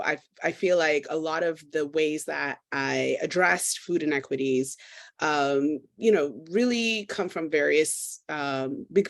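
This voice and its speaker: A woman from Trinidad introducing herself on a panel as a food equity consultant, engaged, with frequent fillers. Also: low voice. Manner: warm, engaged, many fillers, light laughs.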